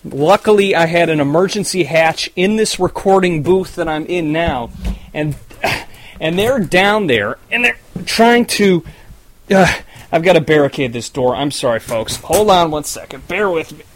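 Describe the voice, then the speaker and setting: Frazzled post-apocalyptic radio host, played by a man, rambling and flustered, a bit high-voiced. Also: expressive, a little slow, a little hiss or hum. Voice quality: rambling, flustered, stumbling over words. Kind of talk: comedic audio drama.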